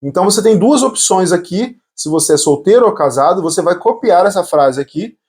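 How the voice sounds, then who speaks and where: Male language teacher, lively high voice, relaxed chatty delivery, slows right down to model phrases. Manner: slow, drawn-out model phrases in English; casual, frequent "né" and "ó" tag words. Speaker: English teacher. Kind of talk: online English lesson for Portuguese speakers.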